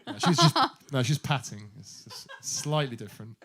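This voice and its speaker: A man's voice: medium pitch, expressive, moderate pace, fairly bright tone, a little hiss or hum. A man who plays alongside the singer, dropping dry, teasing remarks between songs at a home live stream. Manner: dry, teasing asides with laughter. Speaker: bandmate and accompanist. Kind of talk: casual teasing banter. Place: home lounge.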